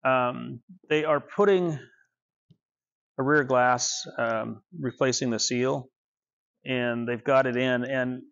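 Recorded on a little clip-on mic that loses the high frequencies, a fiftysomething man casually shows visitors around his car restoration shop. His creaky, mid-range voice wanders along easily, packed with fillers.

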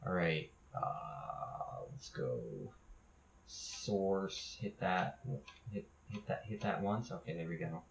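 A man's voice: low voice, fairly even intonation, slow. A young man vlogging casually from home, rambling and swearing with lots of restarts. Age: young adult. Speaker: gaming YouTuber. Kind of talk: casual vlog talk. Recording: echoey, dull lo-fi home recording.

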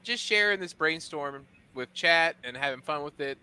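Casting: high, bright, lively man hosting a jokey stream. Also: moderate pace, a little hiss or hum. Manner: laughs a lot, jokey and animated. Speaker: host. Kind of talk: casual chat on a stream.

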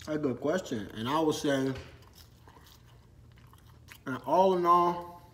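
Eating as he talks, a Minnesota man in his twenties runs a casual Q&A vlog filmed on a phone in an indoor storage room full of shelves and ladders. His chat is laid-back and slangy, and his voice is a little high and a bit bright, with a slow pace.

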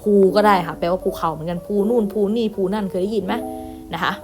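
Female primary teacher, patient list-reading lesson voice, mid pitch, faint music underneath. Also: quick pace, vocal fry. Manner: patient, reads each word aloud and repeats with gentle "na kha" tags. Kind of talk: online class lesson, reading word lists.

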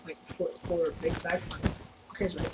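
A woman giving casual gameplay commentary on her channel, chatty and excitable, jumping between loud outbursts and mumbled asides. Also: on the low side, normal speed. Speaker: gaming channel host. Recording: roomy, distant mic with loud background noise and keyboard clicks.

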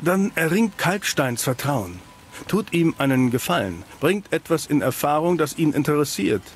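A man's voice: fairly high pitch, expressive, normal speed, a little hiss or hum, natural voice. A male actor playing a world-weary, cynical private detective in a fantasy video game, with a dry noir drawl. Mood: businesslike, suspicious. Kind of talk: scripted video game dialogue in German dub.

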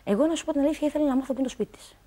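A woman's voice: sits high, mellow. Rambling woman telling her own story. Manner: rambling, quoting others, frequent fillers. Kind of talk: personal storytelling on a talk show.

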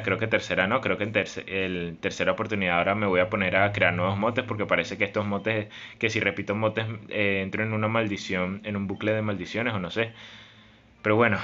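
A man's voice: lowish voice, pushed and bright. A young man giving dramatic, emotional Let's Play commentary, pleading and lamenting over his game. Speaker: gaming YouTuber. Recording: slightly dull recording with game music behind.

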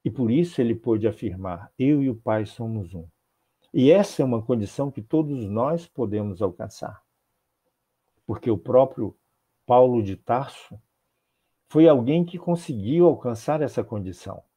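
An older spiritist lecturer with a Brazilian Portuguese accent gives a religious talk over a video call, his mid-range, husky voice mellow and warm with lively intonation. He builds measured, rhythmic phrases, stacking repeated clauses. A small earphone mic in his home office picks him up.

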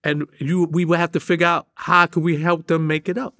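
Here the same kind of speaker, a middle-aged man with a New York accent appearing as an interview guest, sounds on the high side, pushed and bright, with a brisk but flat delivery. His animated street tales come out emphatic and heavy with slang while he gestures. The setting is an indoor studio that holds a drum kit.

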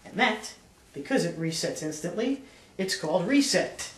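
A man's voice: high voice, lively intonation, normal speed, fairly bright tone, slight background noise. Man doing card magician patter, echoey room. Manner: casual, step-by-step showman's patter. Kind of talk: card magician patter, demonstrating a trick to camera. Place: indoor home dining room with hard floor. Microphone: camera mic from a few feet away. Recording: echoey room, camera at a distance.

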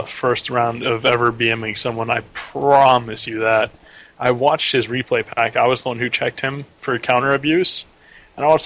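A man's voice: medium pitch, fairly bright tone. Brief: male esports caster, crude joker, loose banter over voice chat. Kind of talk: casual game commentary.

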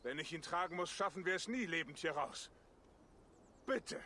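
A man's voice: on the high side, lively intonation, moderate pace, sharp tone, a little hiss or hum. An actor playing an anxious, pleading Norse man in a video game. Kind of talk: video game character dialogue.

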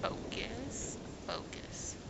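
A young woman from the US East Coast chatting casually to a handheld camera at arm's length on a sunny beach, easygoing and trailing off with "I don't know". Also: extremely slow. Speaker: vlogger. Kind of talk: casual vlog chat. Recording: loud beach wind and surf noise.

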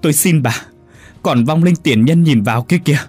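A man's voice: mid-range voice, sing-song, unhurried, faint music behind. A man voicing a lecherous, cowardly middle-aged official who leers and stammers in a horror audiobook. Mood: panicked. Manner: leering, then stammering.

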